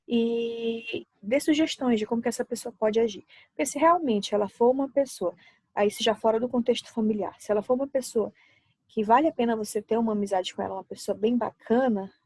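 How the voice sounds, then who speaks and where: A woman's voice: on the high side, a little mellow, breathy edge, no room sound. A woman giving psychological support advice in a casual talk, speaking into a laptop on her lap at home, friendly and explaining with everyday examples.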